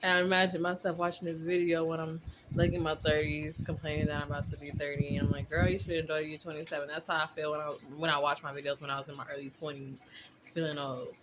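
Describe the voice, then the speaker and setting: A vlogger in her twenties rambles casually and candidly to her viewers in a deep voice, level in tone and quick in pace. The recording is very noisy and full of clicks.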